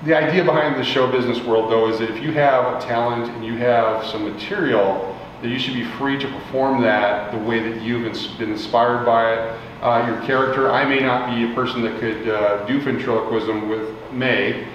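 Male interviewer, sixties, casual and halting, medium pitch, muffled sound from afar in a reverberant hall. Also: fairly even intonation. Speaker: interviewer, former comedian. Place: indoor theater stage. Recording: echoey hall, distant, dull, faint noise.

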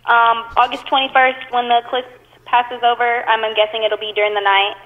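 A woman's voice: fairly high pitch, flat delivery. Woman on echoey cave-like speakerphone. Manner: polite and hesitant, many pauses and ums. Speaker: apartment office worker taking calls. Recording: tinny phone line with long echo.

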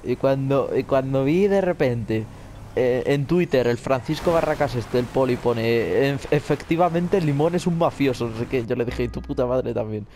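A man's voice: medium pitch, moderate pace, mellow. Give me a young man co-hosting a podcast, casual and crude, over a noisy background. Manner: crude, joking, laughs often. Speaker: podcast co-host. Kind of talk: casual chat while gaming.

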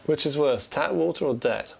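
A man's voice: fairly high pitch, normal speed, vocal fry, husky. A man presenting a reality TV show, reassuring at times and blunt at others.

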